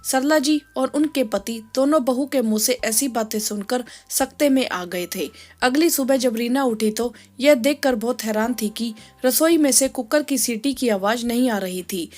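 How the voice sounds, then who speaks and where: A woman storyteller giving scripted narration of a moral story in a steady, even read-aloud way. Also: a little high, normal speed. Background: faint music.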